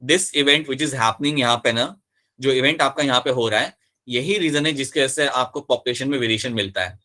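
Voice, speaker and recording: A man teaching a live biology class in a bright, forceful voice. He goes step by step, repeating the key terms and asking his students whether they follow. He switches freely between Hindi and English mid-sentence. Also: medium pitch, moderate pace. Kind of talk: live online class lecture.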